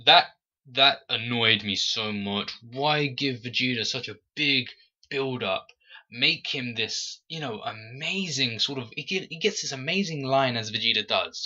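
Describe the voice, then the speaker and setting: A man hosting a casual fan podcast, talking in an animated, critical way and jumping high when he acts out quotes. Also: moderate pace, highs cut off. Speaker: podcast host.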